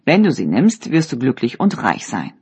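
A man from a read-aloud fairy tale, voiced by the storyteller, advising a boy. He speaks in an unhurried, husky voice. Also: mid-range voice, huge pitch swings, a little mellow, exaggerated voice. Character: older man giving advice to a boy.

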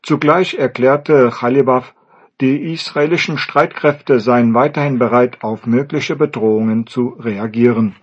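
A man's voice: mid-range voice, a little slow, breathy edge. Man reading news over shortwave radio. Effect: shortwave radio broadcast sound. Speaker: news presenter. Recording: dull lo-fi radio transmission.

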